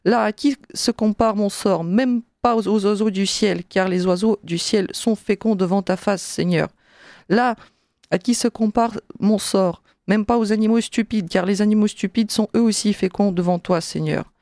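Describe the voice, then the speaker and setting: A woman's voice: mid-range voice, normal speed, darkish tone, dry recording, clean studio sound, close to an everyday voice. A woman reading aloud as a grieving childless wife, lamenting to God in a plaintive, repeated refrain.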